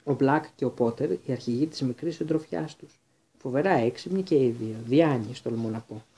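Strict older lady professor, man voicing her, clipped and sharp, dark voice. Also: medium pitch, a little hiss or hum, lightly acted. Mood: indignant. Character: stern older female professor, indignant.

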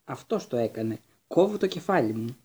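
A man voicing a furious, spiteful professor who yells and seethes, reading a storybook aloud. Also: mid-range voice, big pitch swings, breathy edge. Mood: raging. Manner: yelling, seething.

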